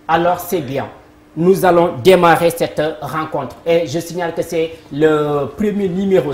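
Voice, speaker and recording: A woman's voice: low-pitched, darkish tone. A woman hosting a live TV word game, upbeat, cueing applause and greeting viewers. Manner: upbeat announcer, cues applause and addresses viewers. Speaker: game show host. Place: TV studio. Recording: echoey studio with faint noise.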